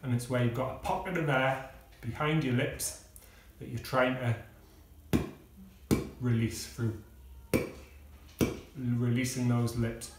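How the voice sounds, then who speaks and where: A man's voice: medium pitch, steady tone, distant mic, background noise. Man teaching in an echoey room. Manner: measured, explaining step by step with pauses and fillers. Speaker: music teacher. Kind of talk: casual video lesson. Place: kitchen. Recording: echoey room, speaker away from the mic.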